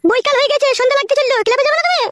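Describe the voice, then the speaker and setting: A woman's voice: very high voice, rapid-fire, a bit bright, no room sound, clean studio sound, pitched above the performer's own voice. A woman voicing a nagging young wife in a comic cartoon, scolding and bickering. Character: shrill nagging young wife, sharp-tongued.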